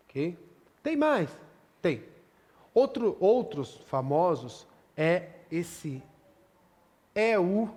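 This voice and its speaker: Slow, patient Brazilian English teacher. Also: male voice, sits high, a little mellow, big-room sound. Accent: Brazilian Portuguese. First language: Portuguese. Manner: repetitive, drilling pronunciation, checks understanding often. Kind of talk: classroom lesson explanation.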